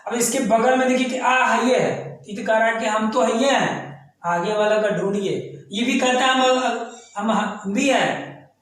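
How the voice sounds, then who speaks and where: A man's voice: high voice, a little slow, fairly bright tone. A man teaching an exam coaching lesson, repeating key terms and chanting them in lists. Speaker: grammar teacher. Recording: very echoey room.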